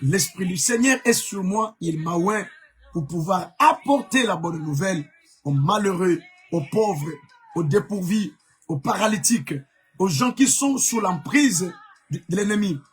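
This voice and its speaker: A man's voice: high voice, expressive, measured pace, slightly rough, faint music behind. A man from Congo preaching a live-streamed sermon as an evangelist, emphatic, repeating key words, with many fillers.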